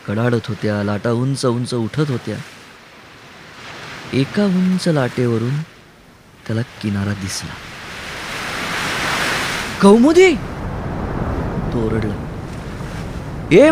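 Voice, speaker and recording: A man's voice: medium pitch, a little mellow. A man reading a novel aloud in dramatic narration, building intensity in the tense passages. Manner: dramatic storytelling with rising intensity. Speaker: audiobook narrator. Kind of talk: scripted narration. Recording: narration over ocean and wind sounds.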